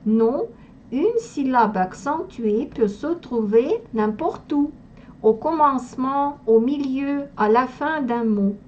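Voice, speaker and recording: A woman's voice: high voice, expressive, takes it slowly, a little mellow, dull audio, a little hiss or hum. A woman from Russia with a Russian accent, teaching a language lesson and carefully pronouncing sounds one by one. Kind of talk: slow spoken language lesson.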